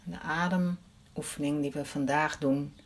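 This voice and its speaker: A woman leading a guided breathing meditation in a soft, soothing voice, counting the breaths aloud. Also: low voice, fairly even intonation, moderate pace.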